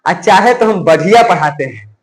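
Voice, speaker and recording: A male teacher giving a grammar lesson to a class, drilling sounds slowly and often asking the students if they have understood. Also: high-pitched, lively intonation, low-quality recording. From India. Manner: asks students frequent check questions.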